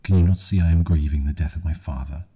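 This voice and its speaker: A man's voice: extremely low pitch, steady tone, fast, warm tone, slightly rough, exaggerated voice. A man voicing a confident young farm woman in ASMR storytelling, speaking firmly. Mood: defiant.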